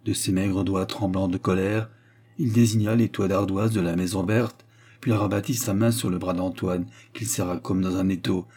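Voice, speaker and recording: A man reading a classic novel aloud in a measured, even manner. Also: deep voice, breathy edge. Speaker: audiobook narrator.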